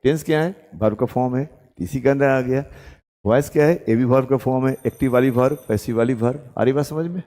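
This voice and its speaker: A man's voice: mid-range voice, fairly quick, warm tone, big-room sound. A man of India giving a classroom grammar lesson as a tutor, explaining step by step and often checking that students follow. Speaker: English tutor.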